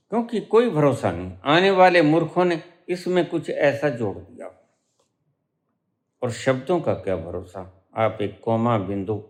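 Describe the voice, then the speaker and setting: A middle-aged man giving a spiritual discourse as a teacher, preaching slowly and emphatically with dramatic pauses and rising stresses. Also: mid-range voice.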